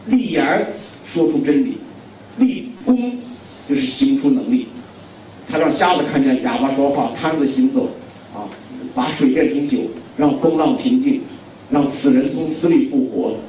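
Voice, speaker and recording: A middle-aged man from China preaches with a mellow, dark voice, driving his points home by repeating them and questioning the crowd. He sounds set back from the microphone, and his words ring through a very reverberant hall with faint noise underneath. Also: mid-range voice. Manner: emphatic, repeats key phrases, asks the audience questions. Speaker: guest preacher. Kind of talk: sermon. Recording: very echoey hall, distant mic.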